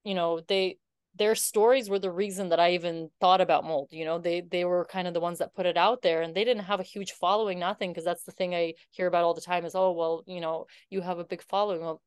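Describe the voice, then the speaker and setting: A woman's voice: on the low side, fairly even intonation, fast, smooth, no echo, clean studio sound. A woman guest in her thirties telling her story in a casual interview, earnest and heartfelt, with many fillers. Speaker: podcast guest.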